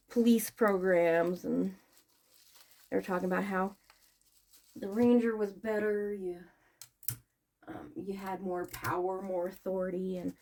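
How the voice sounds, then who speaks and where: Female vlogger, mid-pitched with noticeable fry and a soft-edged tone; loose, digressive talk while working. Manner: informal, digressive, thinking aloud. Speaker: online vlogger and small seller packing orders. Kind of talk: casual rambling chat while working.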